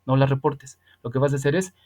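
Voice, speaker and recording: This man's voice is medium in pitch, steady, slightly mellow, and quick-paced. He's an online English teacher in his 30s, giving casual explanatory lessons patiently and emphatically, repeating points plenty.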